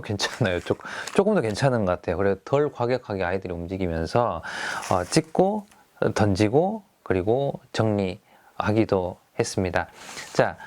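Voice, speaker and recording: A man's voice: fairly low pitch, darkish tone. A middle-aged male teacher who talks through classroom activities in a friendly, explaining way, often starting with fillers.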